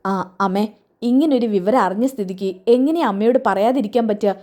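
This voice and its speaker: A woman's voice: fairly quick, darkish tone, lightly acted. A woman doing a subdued middle-aged father. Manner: subdued, low.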